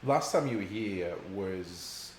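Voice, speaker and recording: A man hosting a casual chat, easygoing and quick to laugh. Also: sits low, lively intonation. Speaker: host. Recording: echoey room, faint background noise.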